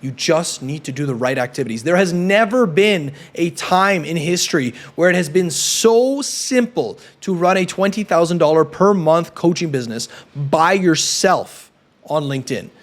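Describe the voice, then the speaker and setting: A man in his thirties from Canada giving an emphatic, persuasive coaching talk to camera. He keeps checking in with a quick "right?". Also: fairly high pitch, expressive. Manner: emphatic and persuasive, often adds a questioning "right?". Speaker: YouTube business coach.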